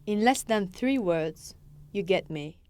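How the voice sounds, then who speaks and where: A woman's voice: medium pitch, animated, slow pace, a little mellow. A young French woman reporter speaking English with a thick French accent, reading a wry, self-mocking first-person radio essay. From France.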